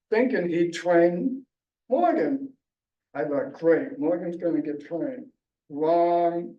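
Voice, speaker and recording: A man's voice: a little high, mellow. A male author reading his memoir aloud at a library book launch, telling it with a wry, chuckling storytelling manner. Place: library event room. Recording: echoey room, distant mic.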